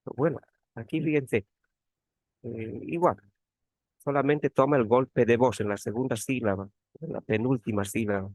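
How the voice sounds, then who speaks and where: A man's voice: mid-range voice, normal speed, long pauses, darkish tone, no room sound. A man teaching an online grammar class as a teaching assistant, repeating key words and asking tag questions. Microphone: computer mic on a video call.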